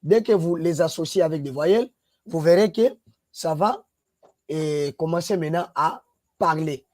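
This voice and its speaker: A man's voice: a little high, moderate pace, darkish tone. A man, teaching a language lesson and spelling out letters one by one. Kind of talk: slow spoken lesson.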